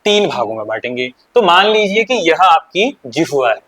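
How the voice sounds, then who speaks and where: A man teaching an exam-prep class with an Uttarakhand accent, his voice pitched a little high. He keeps asking his students questions and then answering them himself. Key points get repeated as he moves through the lesson. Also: sing-song, moderate pace, fairly bright tone, breathy edge. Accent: Uttarakhand Hindi.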